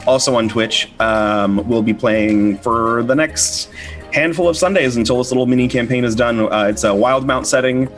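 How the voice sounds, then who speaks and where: A man's voice: mid-range voice, steady tone, moderate pace, soft background music. A man hosting a casual livestream chat, rambling with fillers and easy laughs. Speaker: host.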